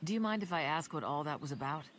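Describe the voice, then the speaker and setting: A woman's voice: low-pitched, expressive, quick pace, background noise. A woman reading a wary, dry-spoken man.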